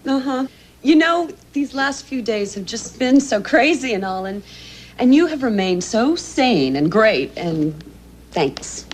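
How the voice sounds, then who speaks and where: Girlfriend in TV comedy-drama: high, animated, tender, teasing, a little world-weary. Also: measured pace, slight background noise. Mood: tender, grateful. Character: weary but affectionate, apologetic girlfriend. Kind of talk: television comedy-drama acting.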